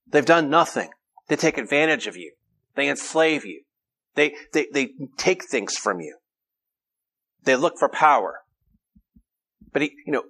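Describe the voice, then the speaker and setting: A man's voice: mid-range voice, fairly bright tone. A man preaching an earnest sermon, reading scripture aloud and often restarting his phrases. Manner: frequent repetitions and restarts.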